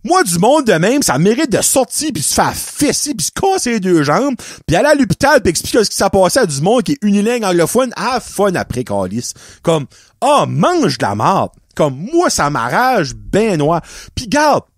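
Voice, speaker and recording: A high-pitched man with an Acadian French accent rants as a podcast host, his voice swooping up and down as he tells an angry story. He swears freely and slips between French and English mid-sentence. The recording is dry and close. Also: big pitch swings, moderate pace, no room sound. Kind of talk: ranting monologue.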